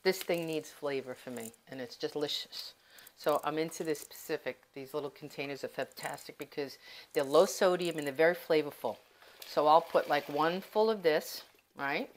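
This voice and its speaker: A woman's voice: sits low, moderate pace, a little hiss or hum, poor audio. A woman chatting casually in her home kitchen as she shows how to cook. She rambles and confides in her viewers as she goes. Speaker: home cooking vlogger. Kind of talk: casual cooking demonstration.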